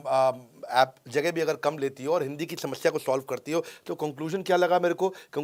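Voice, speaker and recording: A middle-aged man giving an energetic lesson on English, asking rhetorical questions and checking in with his listeners. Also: on the high side. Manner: emphatic, rhetorical questions, frequent "haan?" checks. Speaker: motivational speaker teaching English skills. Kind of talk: energetic Hindi lecture mixing English.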